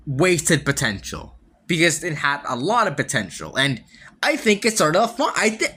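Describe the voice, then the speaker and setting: A man's voice: on the high side, sharp tone, husky. A man hosting a solo podcast, reviewing a game in casual talk, rambling with many restarts, casual swearing and wry laughs. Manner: laughs wryly between points. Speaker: podcast host.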